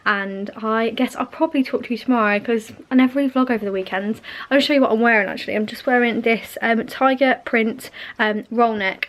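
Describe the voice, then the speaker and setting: A woman in her twenties chatting casually to her camera at home, rambling a little and filling pauses with ums. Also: on the high side, rough recording. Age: 20s. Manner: chatty, rambling, many fillers. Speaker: vlogger. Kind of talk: casual vlog chat. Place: at home, indoors. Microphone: camera on a small tripod.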